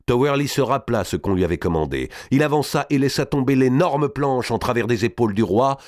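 Dramatic male narrator, low voice with lively range, dry close reading. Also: a little fast, no room sound. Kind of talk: audiobook reading of a historical novel.

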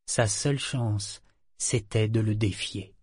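A man narrating an audiobook novel in a measured, even storytelling manner. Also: fairly low pitch, husky, no echo, clean studio sound. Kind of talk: scripted narration.

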